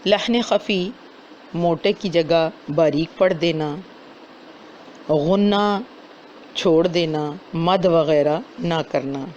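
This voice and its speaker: A man giving a lesson on correct recitation, stopping to sound out words slowly as examples. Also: fairly high pitch, a little mellow. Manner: slows down to demonstrate correct pronunciation. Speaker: Quran recitation teacher. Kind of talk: explanatory lesson with demonstrated recitation. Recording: dull lo-fi recording with faint noise.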